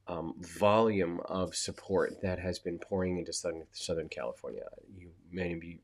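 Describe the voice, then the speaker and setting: A man with a cold and a nasal voice, chatting casually to viewers as a coach on a live stream, with many fillers and asides. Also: low-pitched.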